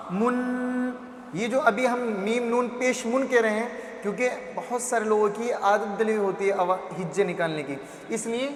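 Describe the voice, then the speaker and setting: A man teaching Quranic letter sounds, stretching each syllable into a slow chant, then hurrying through explanations. He keeps asking what the sound will be and answers himself. His voice carries a long echo in a roomy space with faint noise behind. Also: high-pitched, a bit bright. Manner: asks and answers his own questions. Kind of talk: Quran primer lesson.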